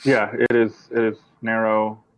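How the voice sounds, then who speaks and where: A man running a tabletop game as game master, describing scenes in an unhurried way. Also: lowish voice, monotone, no room sound. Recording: tinny phone-like line.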